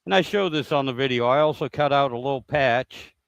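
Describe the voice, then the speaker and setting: A man's voice: mid-range voice, a little fast, vocal fry, crowd noise. A man from the United States hosting a casual livestream, rambling with many fillers and restarts about a repair job. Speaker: livestream host. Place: home shed workshop.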